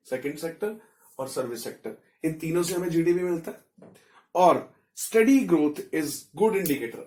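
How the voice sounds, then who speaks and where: Indian guy teaching a lesson, kinda high but mellow voice, asks "got it?" a lot. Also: reverberant. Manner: explains step by step, mixing in English terms, asks check-in questions. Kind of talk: explaining economics in a recorded lesson.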